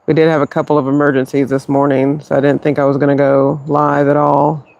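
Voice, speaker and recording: A man murmurs in a hushed, halting way into a phone mic while streaming live outdoors in his backyard. His slightly high voice has a gravelly edge and stays flat in pitch, and the sound is close and dry. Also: highs cut off. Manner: quiet, halting, talking softly on purpose. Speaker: livestream host.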